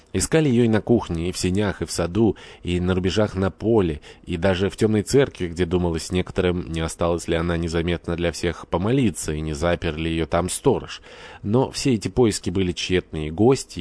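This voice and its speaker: A man narrating a classic novel as an audiobook in a measured, expressive way. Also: low voice, no echo.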